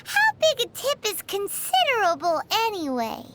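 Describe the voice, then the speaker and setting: Paimon, a squeaky cheeky sprite. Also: female voice, wildly swooping pitch, moderate pace, noisy background, exaggerated voice. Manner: bubbly, cheeky, refers to herself by name. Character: tiny cheeky floating girl companion, chatty. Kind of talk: video game dub dialogue. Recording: game audio with music behind.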